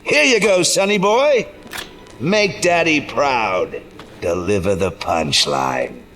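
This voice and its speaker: A man playing a sadistic clown villain in an audio drama, with mocking, theatrical, drawn-out delivery. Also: mid-range voice, lively intonation, fairly bright tone, faint music behind. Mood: gleeful commanding.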